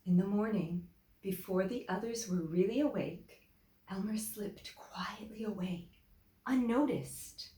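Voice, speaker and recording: A woman teacher reads a children's picture book aloud, expressive and deliberate, stressing phrases for young listeners. Her voice is mid-range, and the room sounds echoey.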